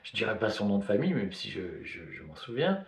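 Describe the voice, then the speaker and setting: A man's voice: lowish voice, very animated, quick pace, gravelly. A man from Belgium, giving spoken video commentary in a hesitant way, full of fillers and restarts. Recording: roomy echo.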